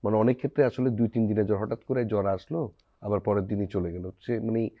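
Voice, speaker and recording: Low-voiced male TV host, dull sound. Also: steady tone, quick pace. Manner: asks long questions with fillers. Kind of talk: TV health program hosting. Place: TV studio.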